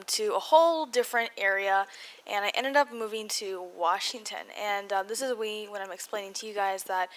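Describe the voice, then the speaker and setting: A woman's voice: medium pitch, a bit bright. Chatty young American woman, slightly muffled diction. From California, United States. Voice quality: slightly muffled articulation from braces. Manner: rambling, self-interrupting, self-deprecating asides. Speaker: video blogger. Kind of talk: casual chatty voice-over storytelling.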